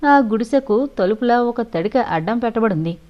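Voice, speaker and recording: A woman reading a suspense audio novel in a steady storytelling voice. The recording is dull and lo-fi. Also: fairly high pitch, normal speed. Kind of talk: scripted narration.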